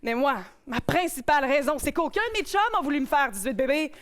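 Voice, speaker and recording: Opening a live cabaret show, a young host with a Québécois French accent performs a stand-up monologue from the stage, playful and self-mocking as she addresses the audience. Her high voice is brisk and a bit bright.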